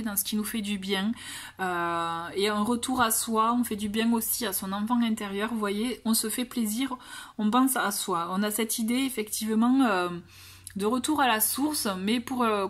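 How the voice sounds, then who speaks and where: A woman giving a casual oracle card reading to her viewers, gentle and encouraging, with many fillers and restarts. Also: medium pitch. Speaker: tarot and oracle card reader.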